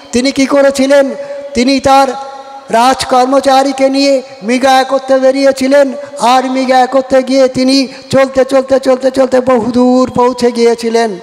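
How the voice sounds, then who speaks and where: A man preaching a devotional discourse in a very high, level voice that barely rises or falls. He recites verses and chants as part of his teaching. His voice rings out with a long reverb tail, as in a large hall. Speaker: religious speaker.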